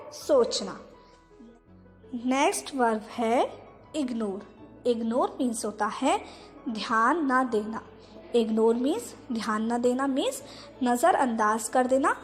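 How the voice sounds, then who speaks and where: A woman teacher with a high voice leads children through English verbs. She says each word and its meaning again and again, spells them out slowly, and asks questions before answering them. The recording has a lingering reverb and soft music underneath. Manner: spells words out letter by letter slowly; addresses the class as children. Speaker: school teacher. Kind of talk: vocabulary lesson for children.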